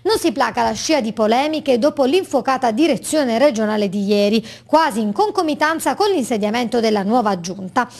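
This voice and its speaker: A woman news reporter reading a scripted report in a measured, formal delivery. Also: high voice.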